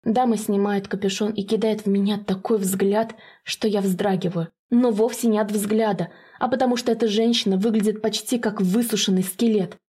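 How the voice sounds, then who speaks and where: Husky woman narrating a fantasy audiobook. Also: mid-range voice, steady tone, normal speed, few pauses, dark tone.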